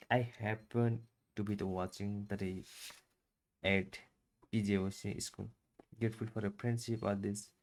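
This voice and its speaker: A man reading a book aloud for his channel, in a halting, stumbling way with restarts. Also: on the low side, mellow.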